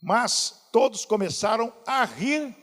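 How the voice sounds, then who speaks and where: A man's voice: very high voice, expressive, slow pace, a bit bright. A male pastor preaching a sermon, asking the congregation questions as he goes. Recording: hall reverb.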